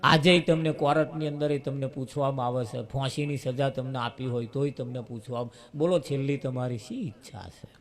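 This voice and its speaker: A man's voice: mid-range voice, normal speed, faint music behind. A man preaching a devotional sermon, telling a story and addressing his listeners directly.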